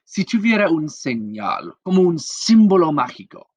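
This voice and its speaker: A man's voice: on the high side, big pitch swings, normal speed, a little mellow, dry recording, pitched above the performer's own voice. A man voicing a young woman in a story, pining for an absent friend and cheering herself up. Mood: hopeful. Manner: pining then upbeat self-talk. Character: young woman, wistful then hopeful.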